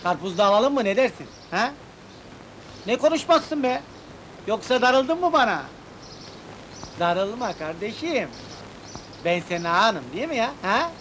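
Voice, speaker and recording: Loud joking hustler, highish voice, old noisy movie sound. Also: male voice, very animated, a little slow, pauses often, exaggerated voice. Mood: coaxing. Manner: rough, bantering, exclamatory. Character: streetwise working-class man, bear handler. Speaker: lead comic character.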